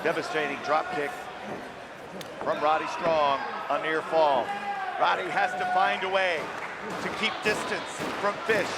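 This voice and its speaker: A man doing excited, emphatic play-by-play as a professional wrestling commentator, in short punchy calls. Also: on the high side, measured pace. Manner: emphatic, punchy calls that rise to shouts at big moves. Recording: loud arena crowd noise behind commentary. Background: cheering crowd and ring slams.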